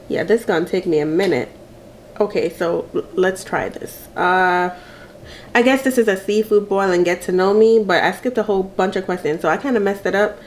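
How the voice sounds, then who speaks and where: A woman's voice: mid-range voice, a little hiss or hum. A woman, chatting playfully and laughing often as she answers get-to-know-me questions while eating. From Jamaica. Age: 30s. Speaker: mukbang vlogger.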